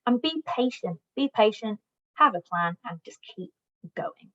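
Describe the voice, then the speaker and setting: Speaking at a measured pace, a woman with a fairly high, expressive voice offers migrants friendly, encouraging job search advice. She's a recruitment platform customer success manager, a native English speaker who also knows Welsh, and the recording quality is dull and lo-fi.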